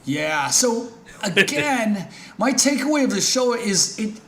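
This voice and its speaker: A man's voice: sits high, slow pace, a little hiss or hum. A man co-hosting a podcast, chatting casually and reading from his notes. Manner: relaxed, reads from notes. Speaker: podcast co-host. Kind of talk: casual chat.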